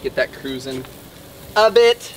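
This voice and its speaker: A man in his thirties hosts a casual cooking show from an outdoor covered patio griddle kitchen, cracking jokes at his own expense. His mid-range voice is animated but slow-paced, and the noisy background carries music and sizzling food.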